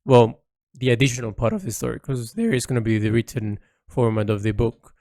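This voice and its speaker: An artist records a reflective, unscripted audio log close to the mic, thinking aloud as he rambles and haltingly rephrases. His voice is medium-pitched and mellow, and there's no echo.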